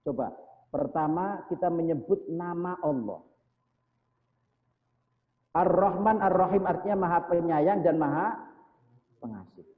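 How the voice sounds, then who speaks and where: A man's voice: fairly high pitch, unhurried, pauses often. Preacher, man, mosque sermon; chants prayer lines then explains them; thin phone-like sound. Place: mosque hall. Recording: echoey mosque hall over tinny phone-like sound.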